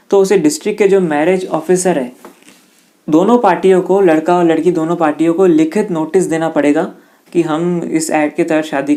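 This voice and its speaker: A man with an Indian accent and a somewhat high, mellow voice gives an informal explainer lesson on law as an exam-prep teacher. He talks conversationally, addressing listeners directly, and now and then reads English passages aloud haltingly.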